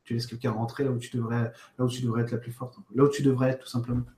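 Man, relaxed livestream coach; loose, direct, lots of fillers; roomy echoing home room. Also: medium pitch, fast, slight background noise. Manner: spontaneous, thinks aloud with many fillers and restarts; direct, addresses the viewer as tu. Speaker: spiritual coach answering viewer questions. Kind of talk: casual livestream Q&A. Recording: roomy echo.

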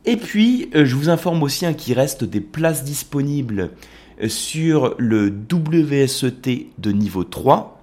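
A man's voice: mid-range voice, expressive, slow, darkish tone. A man hosting an educational wine podcast, explaining at length in a casual, hesitant way with many fillers.

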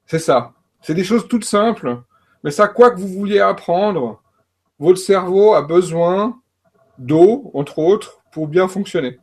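On a learning panel, this male coach and trainer, a native French speaker, speaks slowly in a high, expressive voice with a breathy edge. His voice is slightly raised, and he hesitates a lot, restarting and leaning on fillers.

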